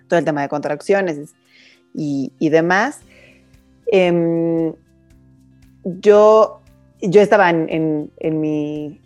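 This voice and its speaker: A woman's voice: sits low, warm tone. A woman co-hosting a podcast, recounting her story in a hesitant casual way. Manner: hesitant, with many fillers. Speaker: podcast co-host. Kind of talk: casual chat.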